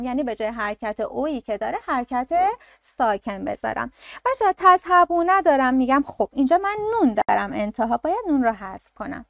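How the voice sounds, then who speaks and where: A woman teaching a classroom grammar lesson, her voice high and bright as she walks through each rule step by step. She keeps asking questions and answering them herself. The sound is close and dry, with no room echo. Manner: explains step by step, asks and answers own questions.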